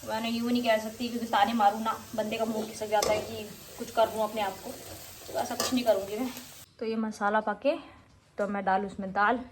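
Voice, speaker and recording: Young mom vlogger, frank chatty delivery, slightly high voice, faint room noise. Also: female voice, level tone, fairly quick. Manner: frank, scolding children at times. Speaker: vlogger and mother. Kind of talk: casual home vlog chat. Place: home in northern India.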